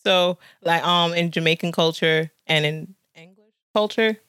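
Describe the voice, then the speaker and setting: A woman's voice: fairly low pitch, steady tone, a little slow, a bit bright, clean tone, dry recording. Playful woman guest, dry close sound. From United States. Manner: playful, enthusiastic about words. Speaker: podcast guest. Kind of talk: casual chat.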